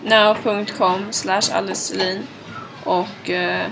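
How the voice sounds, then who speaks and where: A woman's voice: mid-range voice, little pitch movement, gravelly, over music. A young woman co-hosting a podcast, chatting casually with emphatic reactions. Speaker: podcast co-host. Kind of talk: casual chat.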